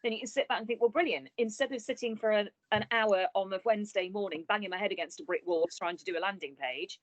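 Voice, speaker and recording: A woman's voice: mid-range voice, fast, no echo, low-quality recording. A woman business coach on a video call, giving chatty, encouraging, practical advice.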